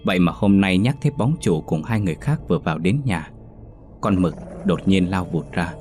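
A man narrating a scripted ghost story in a steady, suspenseful reading voice. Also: low-pitched, fairly quick, faint music behind.

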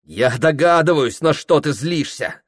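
A man's voice: fairly high pitch, expressive, unhurried, breathy edge, pitched above the performer's own voice. A man voicing an anxious, lovesick young merchant's son who talks in a tense, pleading way.

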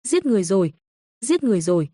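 A woman's voice: medium pitch, sing-song, fast talker, dark tone, no room sound, clean studio sound. A woman voicing a spiteful, scheming older mother-in-law who scolds and curses shrilly in a storybook reading. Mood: wailing insults.

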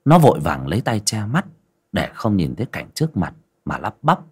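A man narrating an audio story in a lively storytelling manner. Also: fairly low pitch, normal speed, slightly rough.

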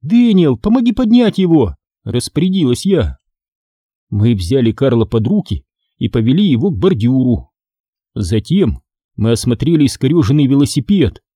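Man reading a kids' story, husky voice, bouncy delivery. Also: mid-range voice, very animated, moderate pace, dark tone, no room sound, clean studio sound. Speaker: audiobook narrator. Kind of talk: storybook narration.

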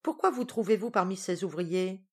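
A woman reading aloud voices a playful young girl in love, bright and teasing in her speech. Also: medium pitch, normal speed, natural voice. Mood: lively. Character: eager young Dutch maiden, playful.

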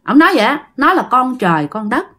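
Southern vietnamese woman telling a ghost story, high voice, super animated. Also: fast talker. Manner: animated, talks to listeners directly.

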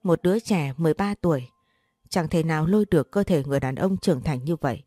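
A woman reading a sad story aloud in a steady, measured way. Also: low voice, no echo, studio quality, faint music behind. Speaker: narrator. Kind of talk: scripted story narration.

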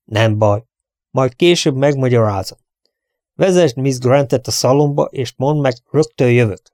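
A man's voice: mid-range voice, a little mellow, no echo, studio quality, natural voice. A man voicing a cheerful, dignified prince who turns mock-stern. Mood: jovial. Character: jovial, dignified, scheming male prince.

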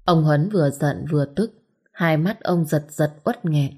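A woman's voice: sits low, a little slow, mellow, breathy edge. A woman storyteller reading a story aloud in a dramatic, scripted narration.

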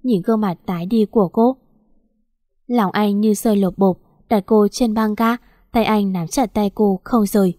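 A woman narrating an audiobook story in smooth, steady storytelling. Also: mid-range voice, moderate pace, no room sound, clean studio sound.

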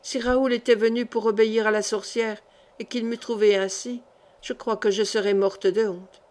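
A woman's voice: fairly high pitch, little pitch movement, normal speed, darkish tone, close to an everyday voice. Woman reading a shy young servant girl. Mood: earnest.

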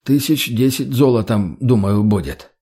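A man voicing a fat, obsequious slave trader who fawns and placates in a raised, drawn-out voice. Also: warm tone, breathy edge. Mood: fawning. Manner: wheedling, placating, higher and slower.

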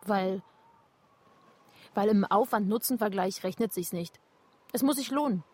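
A woman's voice: mid-range voice, a little slow, a little mellow, lightly acted. An actress playing a blunt, provoking young woman in a radio drama. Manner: blunt and mocking.

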